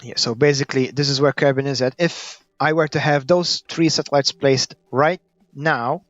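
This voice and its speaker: Speaking with a Maltese accent, this man from Malta makes gaming videos and offers unscripted commentary, pausing hesitantly to think aloud. His tone stays steady at a moderate pace. The dry, muffled, dull low-fi audio has soft background music.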